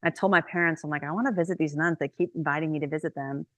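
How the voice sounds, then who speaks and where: Woman, 30s, low voice, dry close recording; chatty podcast testimony full of "like" and "um". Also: racing, no echo. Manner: chatty and animated, with many "like"s and "um"s. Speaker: guest speaker.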